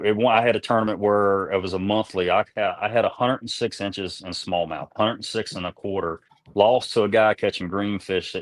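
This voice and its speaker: A fairly low-pitched man, recorded dry, is interviewed casually as a guest who fishes kayak tournaments. His fishing stories wander in a folksy style, with words repeated as he talks.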